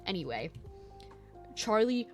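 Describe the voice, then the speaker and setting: A young woman vlogging a casual episode recap, excitable and rambling, swearing freely. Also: mid-range voice, slow pace. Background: faint lo-fi background music.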